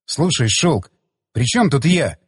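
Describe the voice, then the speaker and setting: A man's voice: medium pitch, big pitch swings, takes it slowly, husky, no room sound, studio quality, big-room sound, full character voice. Man doing a blunt, direct young man. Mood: asking.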